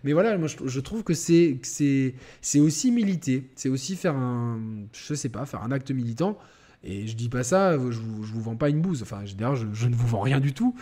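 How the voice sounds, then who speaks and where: A man of middle pitch hosting a live game stream. He talks casually to his viewers, rambling and restarting his sentences with plenty of fillers. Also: expressive, moderate pace, mellow. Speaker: gaming channel host.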